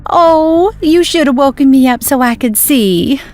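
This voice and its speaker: Casting: a woman as a high, slow-talking tired pregnant wife in an animated story. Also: soft background music. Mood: sleepy.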